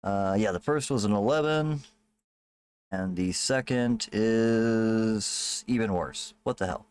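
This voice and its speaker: A man's voice: fairly low pitch, slow, darkish tone, smooth. A man running a tabletop game as game master, casual and loose, with swearing and laughing asides.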